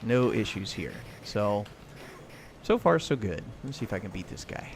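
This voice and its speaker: Very animated and fairly low-pitched, this American gamer hosts a livestream at a moderate pace, chatting and remarking on his play. Game audio and the clack of arcade buttons come through in an otherwise clear recording.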